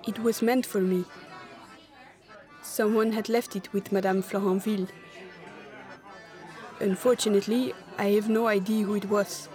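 A woman's voice: mid-range voice, steady tone, unhurried, pauses often, warm tone, soft background music, a faint crowd, close to an everyday voice. A woman voicing a grim young female witch hunter who speaks tightly through gritted teeth. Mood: grim resolve.

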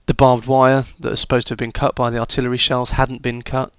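A man's voice: medium pitch, flat delivery, quick pace, fairly bright tone, clear, resonant tone, no room sound. A man talking students through a history lesson in a chatty, informal way, with fillers and restarts. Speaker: history teacher.

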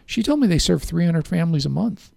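A man's voice: a little high, sing-song, fast talker, creaky, a little mellow, no echo, studio quality. A man hosting a local radio interview show, talking in a rambling way and often correcting himself. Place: radio studio. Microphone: studio microphone.

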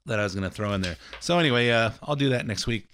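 Medium in pitch, a bit bright and expressive, this middle-aged man talks at a quick pace on his talk radio show. His slightly scratchy voice rambles in a folksy, casual political monologue peppered with fillers and restarts, broken up by ads for his mortgage business.

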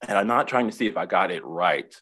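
A man with a deep voice talks through his counseling practice in a relaxed webinar chat. He pauses, repeats himself and restarts phrases as he works out what he means. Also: husky. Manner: reflective, many restarts and repetitions. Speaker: counselor and guest. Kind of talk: casual webinar conversation.

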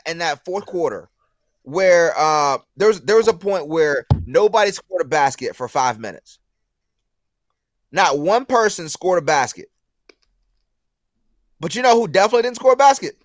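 A man's voice: high-pitched, moderate pace, long pauses, dry recording, clean studio sound. A man co-hosting a sports talk show, ranting with disbelief in a heated debate. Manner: incredulous, ranting, animated.

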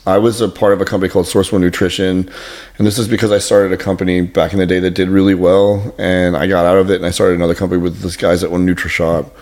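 Frank, low-voiced man swearing casually. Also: little pitch movement, quick pace, darkish tone. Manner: loose and frank, swears freely, lots of "like" and "you know". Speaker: fitness trainer. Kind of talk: casual podcast chat.

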